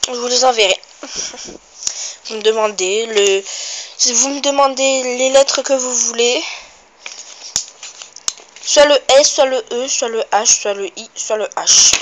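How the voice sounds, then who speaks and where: A female vlogger with a raised pitch talks slowly and chattily through a casual show-and-tell video. She mutters to herself as she counts and keeps correcting herself. The home recording has a clear hiss of background noise.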